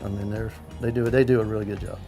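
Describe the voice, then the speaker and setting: A man with a gravelly voice talking casually in an interview as a cattle producer. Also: lowish voice, flat delivery, quick pace, music in the background.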